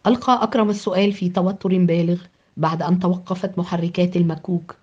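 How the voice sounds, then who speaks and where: A woman narrating a science fiction audio novel in a steady, dramatic reading style. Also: fairly low pitch, quick pace, husky. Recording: dull lo-fi with background music.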